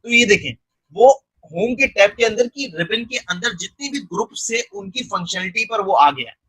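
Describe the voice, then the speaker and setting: High, bright-voiced man teaching software. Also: lively intonation, normal speed, husky, no echo, low-quality recording. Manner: step-by-step, repeating "theek hai" and "ye dekhen" to guide the viewer; mixes English software terms into his speech. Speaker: software tutor. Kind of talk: screen-recorded tutorial narration.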